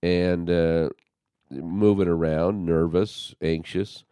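A man's voice: sits low, slow pace, clear, resonant tone, no echo, clean studio sound. A man hosting a conversation, telling a personal story with animation and acting out what people said. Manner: animated storyteller, acts out quotes.

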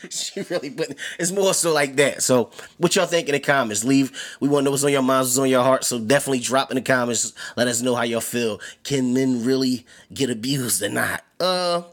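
A man's voice: mid-range voice, normal speed. A man hosting a casual chat show, talking in a laid-back, slangy way and laughing often. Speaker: podcast host.

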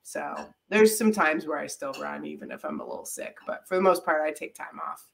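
A woman co-hosting a running podcast chats casually, with plenty of fillers and easy laughter, her voice thick from a head cold. It is deep with vocal fry and wildly swooping pitch, moves a little fast, and carries slight background noise.

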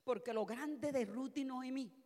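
A woman pastor preaching a passionate sermon, moving from soft, quiet passages to loud shouted ones. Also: high-pitched, measured pace, big-room sound. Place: church.

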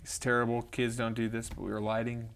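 Animated man telling stories on a podcast. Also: mid-range voice, fairly quick, gravelly, clear, resonant tone. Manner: animated, acts out other people's lines in quoted voices; laughs often while telling stories. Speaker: podcast co-host. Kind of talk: casual storytelling chat.

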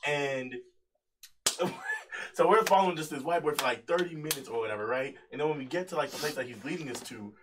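A young adult man co-hosting a podcast tells a story among friends in a slangy, casual way, laughing and acting out what others said. His voice is fairly high and fairly quick, recorded on a distant mic with background noise.

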